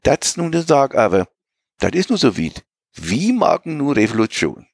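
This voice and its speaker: A man playing a timid young Low German dock worker. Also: very animated, normal speed, gravelly, husky, no room sound, clean studio sound, full character voice. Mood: stubborn. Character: young bow-legged dock worker, stubborn but timid.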